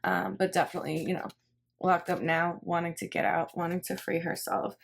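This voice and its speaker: Amid clear background noise of shuffling cards and clicks, a woman tarot reader works through a casual reading, rambling as she thinks aloud and repeating phrases. She speaks a little fast, with a lowish voice and flat delivery.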